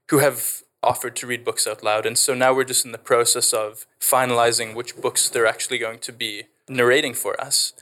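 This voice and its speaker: A man's voice: medium pitch, pushed and bright. A man with a Canadian South African accent, an edtech founder explaining his work in a podcast interview with eager, fluent enthusiasm.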